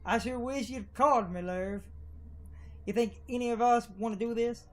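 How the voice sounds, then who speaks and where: A woman voicing a gruff middle-aged male small-town cultist in a put-on deep Southern drawl, slow and matter-of-fact. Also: natural voice. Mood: grim.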